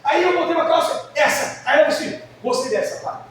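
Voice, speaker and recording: Middle-aged male pastor, very high pitch, lively sermon storyteller, recorded from afar in a reverberant church. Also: normal speed, a little hiss or hum. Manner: lively storytelling with shouted peaks and hushed asides. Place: church hall. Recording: echoey church sound from far off.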